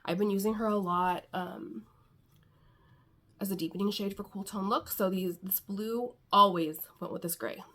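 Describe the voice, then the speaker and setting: A woman's voice: lowish voice, a bit bright, a little hiss or hum. Middle-aged lady rambling about her eyeshadows, chatty, lots of ums and likes. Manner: chatty, rambling with many fillers. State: a little winded. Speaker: beauty vlogger. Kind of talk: casual makeup chat.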